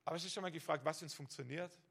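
A male preacher with a high voice, a gravelly edge and a sharp, forceful tone. He delivers a sermon in direct address and stacks one rhetorical question on the next. He often restarts a phrase by doubling its first word. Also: very fast. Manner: stacks rhetorical "what if" questions, repeats words when starting.

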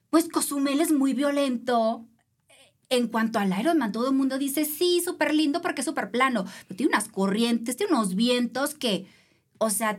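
A woman speaks with a Mexican Spanish accent, her voice pitched a little high. She tells her story in an animated way, slipping into the voices of the people she meets. This is casual interview talk. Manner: animated, acts out voices of others. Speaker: guest, triathlete.

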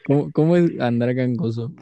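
A man's voice: medium pitch, normal speed, warm tone, no echo, lo-fi sound. A young man with a Mexican Spanish accent co-hosting a casual podcast, laid-back and crude. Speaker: podcast co-host.

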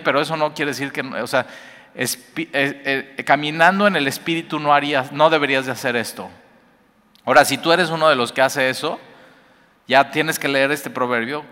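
Bright-voiced man teaching scripture. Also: mid-range voice. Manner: conversational, frequent "eh" fillers, acts out everyday scenes. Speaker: Bible teacher. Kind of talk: informal devotional Bible teaching. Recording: long reverb, hall-like room.

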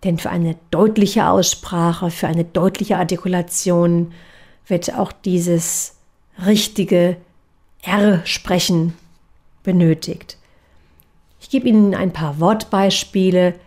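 A woman voice coach giving a calm, measured lesson on breathing and articulation exercises. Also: lowish voice. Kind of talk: instructional voice training lesson.

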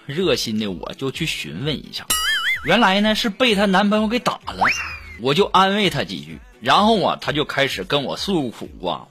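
A young man, hosting a comic monologue and chuckling through his punchlines. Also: sits high. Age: young adult. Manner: animated joke-telling, chuckling through punchlines. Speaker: host. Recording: voice over loud background music.

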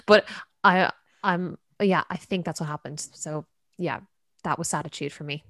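A young woman with a Cork Irish accent, co-hosting a casual chat, excitable and quick to exclaim, with many "like" fillers. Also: fairly low pitch, dry recording, clean studio sound.

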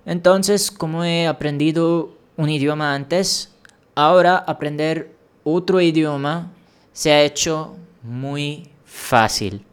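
A man from India with a smooth, higher voice speaks slowly in a solo monologue for his language-learning podcast. He explains things in a measured, encouraging way, with small restarts along the way.

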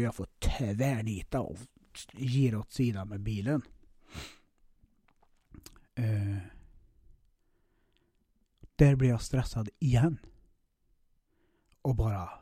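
A man's voice: on the low side, mellow, husky, dry recording, studio quality. A man hosting a podcast, telling a personal story in a casual way with lots of swearing, fillers and restarts. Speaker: podcast host.

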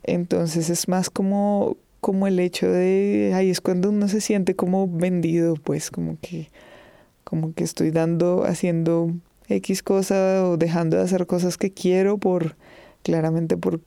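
A woman with a smooth, dark voice and some gravel gives measured, thoughtful interview answers. She pauses and restarts as she thinks. The sound is close and dry. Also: lowish voice, little pitch movement, no room sound.

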